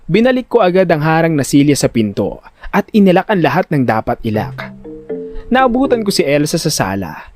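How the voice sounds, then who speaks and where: A man with a slightly high voice narrates a first-person audio drama, reading from a script in an expressive, suspenseful storytelling style.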